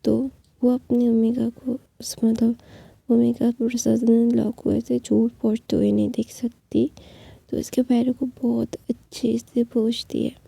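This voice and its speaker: A woman narrating a fanfiction in a soft, husky whispered storytelling voice. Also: a little high, level tone, no room sound. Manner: slow, intimate, soft.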